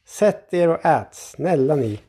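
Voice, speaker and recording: A man's voice: a little high, animated, dark tone, slightly rough, pitched above the performer's own voice. A man voicing a flustered old grandfather who is pushed to the end of his patience in the kitchen, exclaiming in alarm. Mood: stern. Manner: exasperated, cries out in alarm.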